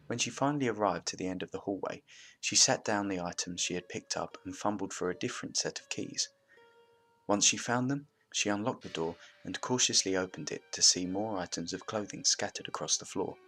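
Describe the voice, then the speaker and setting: Low bright-toned male storyteller. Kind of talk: scripted story narration.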